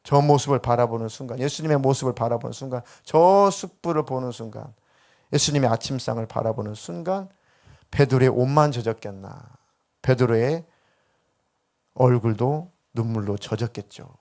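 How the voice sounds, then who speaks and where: A middle-aged male pastor preaching a sermon with feeling, sometimes voicing gentle quoted words. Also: medium pitch, normal speed.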